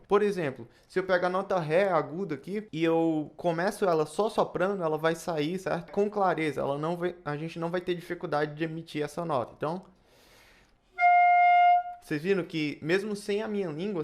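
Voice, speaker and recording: A young Brazilian man with a fairly high voice explains saxophone technique in a relaxed video lesson. He speaks with a Brazilian Portuguese accent and often tags his sentences with quick checks to the viewer. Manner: casual, tag questions after phrases. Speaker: saxophone teacher.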